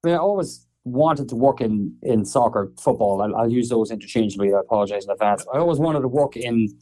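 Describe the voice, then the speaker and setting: An Irish man in his thirties, talking as a guest on a casual podcast. His voice is mellow and dark, and he tells stories in a chatty way, laughing easily. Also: medium pitch, animated, brisk, low-quality recording. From Ireland. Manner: chatty, laughs often, storytelling. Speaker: guest, soccer marketing executive.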